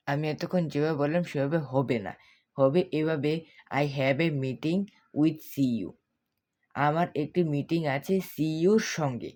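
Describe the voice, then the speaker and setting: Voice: medium pitch, darkish tone. A language teacher giving a spoken lesson, repeating words and spelling them out letter by letter while quizzing the viewers. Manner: repetitive, drilling pronunciation. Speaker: English teacher.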